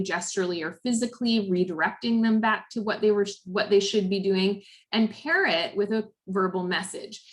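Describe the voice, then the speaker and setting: Canadian woman, therapy director giving a recorded parent workshop, friendly explainer, average pitch. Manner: friendly, explanatory, with frequent "um" and "right?". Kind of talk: recorded lecture over slides.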